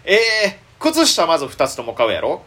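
A young man with a Kansai accent, hosting a solo chat show as a comedian, thinking aloud excitedly and fretting as he rambles. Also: on the high side, moderate pace, breathy edge. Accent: Kansai Japanese. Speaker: comedian and podcast host.

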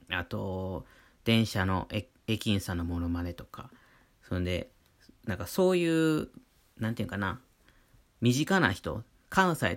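A man with a Kansai accent talking casually on his own show, rambling along with many fillers. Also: low-pitched. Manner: chatty, rambling, full of fillers. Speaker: artist hosting his own talk channel. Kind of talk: casual solo monologue.

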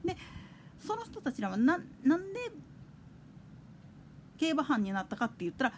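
A woman hosts her own talk radio show alone, her voice high and her pitch swinging up and down. She rambles from point to point in a loose, conversational way, with a faint hiss under the recording. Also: big pitch swings, normal speed. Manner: chatty, digressive, with soft laughs. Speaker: podcast host. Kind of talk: casual solo chat radio.

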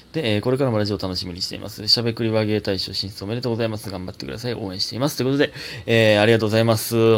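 A young adult comedian with a Kansai accent, hosting a solo casual talk show and reading listener mail in a chatty, self-teasing way. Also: male voice, lowish voice. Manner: chatty, self-teasing, animated, laughs often. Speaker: comedian podcast host.

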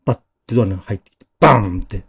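A man narrating a ghost story dramatically, dropping to a hush at key moments. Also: lowish voice, racing, vocal fry, slightly rough.

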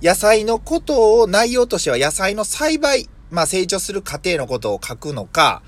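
A vegetable farmer in his thirties from Mie, Japan, hosts a casual solo podcast, thinking aloud with many fillers and self-corrections. His voice sits high and sing-song, at a moderate pace.

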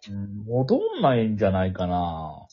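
Very raspy low-key man. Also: animated, moderate pace. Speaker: guest. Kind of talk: casual fan chat. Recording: dull lo-fi audio with faint music.

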